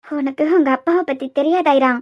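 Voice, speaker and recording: A woman's voice: high-pitched, steady tone, brisk, no echo, lo-fi sound, lightly acted. A woman voicing a protective, secretive young woman in a cartoon with a Kanyakumari Tamil accent, speaking in a coaxing, earnest way.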